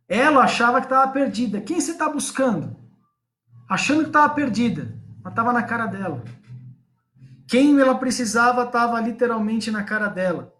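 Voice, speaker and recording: A man's voice: very high voice, a bit bright. A man preaching a live-streamed sermon, speaking directly to his viewers and his congregation. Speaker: pastor.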